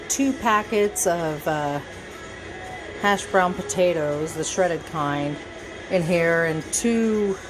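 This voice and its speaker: A woman's voice: lowish voice, poor audio. A tipsy, giggly drunk woman casually narrating her home cooking vlog, rambling, joking at her own expense and swearing casually. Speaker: home cook vlogger. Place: home kitchen. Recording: music playing behind the voice. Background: background music from TV.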